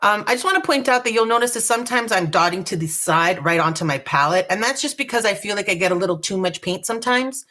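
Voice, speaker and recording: A woman hosting a live dot painting tutorial, chatty and relaxed, joking about her own nerves. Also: medium pitch, fast, hardly any pauses. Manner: chatty, relaxed, self-deprecating. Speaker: craft tutorial host.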